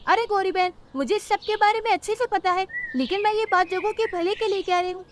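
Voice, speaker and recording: A woman's voice: very high voice, fairly quick, a little hiss or hum, pitched above the performer's own voice. A woman voicing a kind, earnest mother sparrow in a cartoon who speaks in a pleading way.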